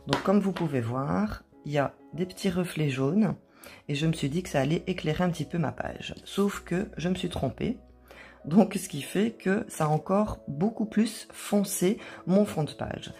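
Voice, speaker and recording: A woman hosting an art journal tutorial, explaining each step calmly, with occasional hesitations. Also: on the low side. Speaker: craft tutorial host.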